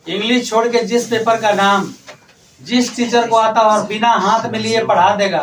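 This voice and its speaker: A man's voice: high-pitched, steady tone, moderate pace, distant mic. A male teacher questioning students orally, teasing and challenging them. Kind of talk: oral exam questioning in class. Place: classroom. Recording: roomy classroom from afar, faint noise.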